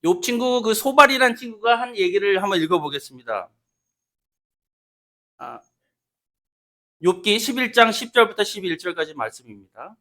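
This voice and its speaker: A man delivers a Sunday sermon in a church sanctuary, his voice pitched high and his tone bright and forceful. He keeps asking the congregation questions and gives the quoted speech in the text a voice of its own. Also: lively intonation, normal speed, long pauses. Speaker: preacher.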